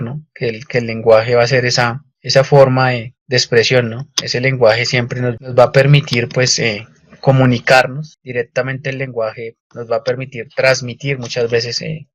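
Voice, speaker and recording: A man's voice: medium pitch, no room sound. A man with a Colombian accent teaching a grammar lesson, explaining patiently and often repeating words with fillers. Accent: Colombian Spanish. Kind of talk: online lecture with slides.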